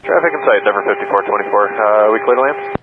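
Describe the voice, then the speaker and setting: A man talking as an airline pilot over the radio, reading back clearances in clipped phrases. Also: fairly low pitch, quick pace. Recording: tinny noisy radio transmission.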